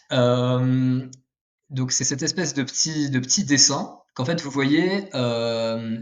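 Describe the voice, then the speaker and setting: A man giving a casual video lesson, explaining step by step with frequent fillers and self-corrections while drawing with a pen. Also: medium pitch. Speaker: language teacher.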